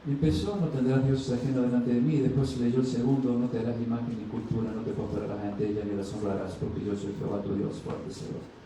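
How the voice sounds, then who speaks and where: With a warm, level, medium-pitched voice, a male pastor preaches fast with few pauses. He asks the congregation questions, answers them, and acts out short dialogues with a rising voice in a church sanctuary. It was recorded by a distant mic in a very echoey church, with slight background noise.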